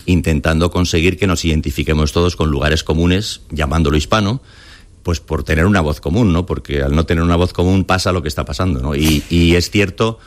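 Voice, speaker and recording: A man from Spain, his Castilian-accented voice sitting low and brisk, tells colloquial stories as an interview guest. He keeps slipping into imagined quotes.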